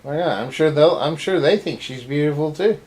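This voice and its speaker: A woman's voice: deep voice, a little fast, a little mellow. A woman in a casual movie review who recaps the plot and quizzes her partner with questions.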